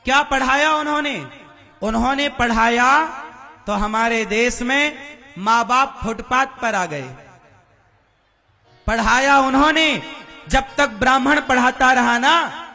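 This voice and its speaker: Brief: male preacher, very high bright voice, slow deliberate delivery, quizzes the crowd, faint music underneath. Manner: questioning the crowd, demanding answers. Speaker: religious preacher. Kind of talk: devotional sermon to a live audience.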